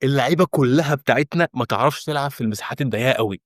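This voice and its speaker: A young Egyptian man rants at a breakneck clip as a football fan reacting to a match, exasperated and insistent. His voice sits at an ordinary middle pitch. The sound is dry and close, with no room around it. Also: no echo. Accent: Egyptian Arabic. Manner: frustrated, exasperated, rapid and insistent. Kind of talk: heated fan reaction rant.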